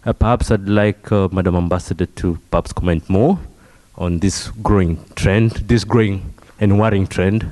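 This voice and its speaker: A man from Kenya addresses an ambassador from the audience, courteous and careful. His voice is fairly low and warm. He hedges his words and takes his time. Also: steady tone. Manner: polite, measured, hedging. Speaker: audience member asking a question. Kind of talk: formal question at a panel.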